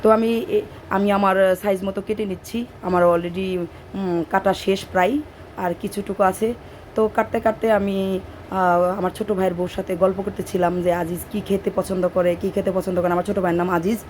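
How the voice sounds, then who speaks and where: A woman with a Bangladeshi Bengali accent and a hoarse voice talks through a home cooking video, drifting into chatty side stories as she works. Her pitch sits mid-range for a woman, and faint household noise hums behind her in the kitchen. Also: little pitch movement, a little fast, a little mellow. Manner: chatty, digressive storytelling while cooking. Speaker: cooking vlogger. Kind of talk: casual cooking narration.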